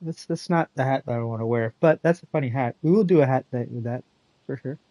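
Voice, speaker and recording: A man's voice: medium pitch, fast talker, dark tone, dry recording, poor audio. A man chatting casually on a live game stream, rambling and joking at his own expense. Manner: rambling, joking and self-mocking.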